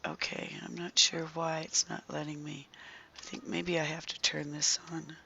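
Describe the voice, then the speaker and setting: Hoarse, croaky gamer with heavily creaking voice. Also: medium pitch, level tone, bright, forceful tone, highs cut off, slight background noise. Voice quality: croaky, strained, breaking into whisper. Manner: halting, thinking aloud while working. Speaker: gaming video creator. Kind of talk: casual gameplay walkthrough commentary.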